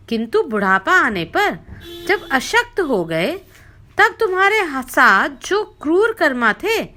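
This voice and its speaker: A woman reading a scripture story aloud as narrator, with expressive recitation that dips low when addressing the king.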